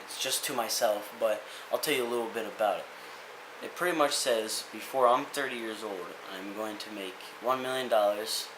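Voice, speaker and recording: A young male vlogger delivers a casual, rambling motivational rant, earnest and full of restarts. His voice is lowish and moderately paced. It's recorded in an echoey room with hiss.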